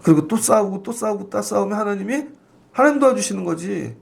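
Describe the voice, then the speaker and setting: Gravelly high-voiced male pastor. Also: expressive, fairly quick. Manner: conversational preaching, acting out quoted voices. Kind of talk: dawn service sermon. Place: church sanctuary.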